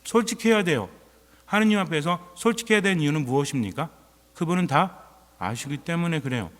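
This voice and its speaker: A man preaches in a slightly higher-than-usual register, keeping his sermon chatty and turning often to ask the congregation questions. His voice rings out with the long reverb of a church. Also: lively intonation, a little fast, a bit bright. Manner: conversational preaching, quizzing the congregation.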